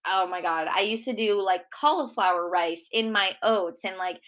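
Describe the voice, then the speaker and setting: A woman's voice: mid-range voice, normal speed, fairly bright tone. A young woman with a Minnesota accent hosting a solo Q&A podcast, chatty and full of "like" fillers. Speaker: podcast host and nutrition coach.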